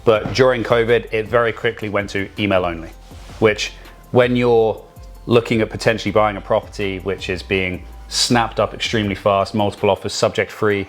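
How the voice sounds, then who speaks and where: Low-pitched guy rambling about housing on a podcast, jokey, faint music behind. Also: fairly even intonation, normal speed. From Vancouver area. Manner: jokey, rambling, many restarts. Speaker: real estate podcast co-host. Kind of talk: casual chat.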